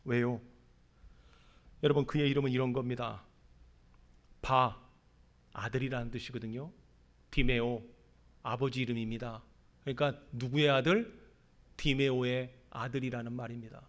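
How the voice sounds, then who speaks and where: A man's voice: mid-range voice, fairly even intonation, moderate pace, pauses often. A male pastor preaching a sermon, telling the story dramatically and asking the congregation rhetorical questions.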